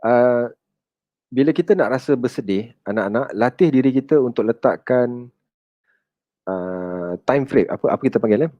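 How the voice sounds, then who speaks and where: A man's voice: medium pitch, normal speed, long pauses, no room sound, muffled recording. A man with a Malaysian Malay accent giving a conversational counseling talk and answering audience questions. He addresses his listeners as children and mixes English words into his speech.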